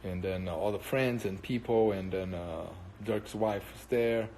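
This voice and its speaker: On a casual live stream, a Brazilian man speaks English with a Brazilian Portuguese accent, Portuguese being his native tongue, answering viewers as ideas occur to him. His fairly low, dark voice comes with slight background noise, and he rambles, pausing often with lots of fillers.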